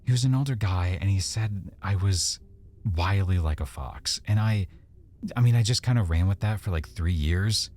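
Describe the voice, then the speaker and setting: In an intimate, conversational ASMR roleplay, a man plays an affectionate, teasing boyfriend who embarrasses easily. He speaks softly and a bit hesitantly in a deep voice at a moderate pace, sounding sheepish.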